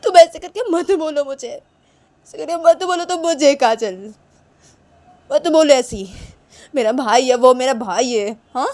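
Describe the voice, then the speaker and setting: A woman voicing a young woman who cries and pleads in a high, strained voice while insisting she did nothing wrong. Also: steady tone, moderate pace, few pauses, a little mellow, close to an everyday voice. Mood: tearful pleading. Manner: high-pitched, tearful pleading. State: crying. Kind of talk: one-woman voiced romance story.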